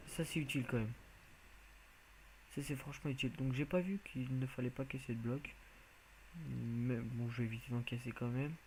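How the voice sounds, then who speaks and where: A man's voice: medium pitch, a little mellow, slight background noise, low-quality recording. A man giving casual, rambling commentary as he plays a video game, hesitant and full of filler sounds. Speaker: video game let's player.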